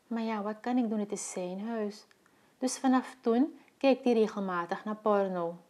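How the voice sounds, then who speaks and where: A woman's voice: medium pitch, moderate pace, darkish tone. A woman with a Surinamese Dutch accent, a domestic worker speaking a scripted monologue in a troubled, searching way. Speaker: domestic worker telling her story.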